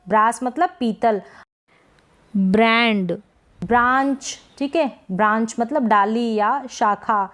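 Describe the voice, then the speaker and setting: A woman teaching English phonics, saying each word slowly and repeating it before giving its meaning. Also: fairly high pitch. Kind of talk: phonics lesson.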